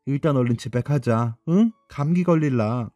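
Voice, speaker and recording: A man voicing a worried, gentle young mother who coaxes her son in a radio drama. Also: mid-range voice, normal speed, no echo, faint music behind, close to an everyday voice. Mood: coaxing. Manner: soft, coaxing.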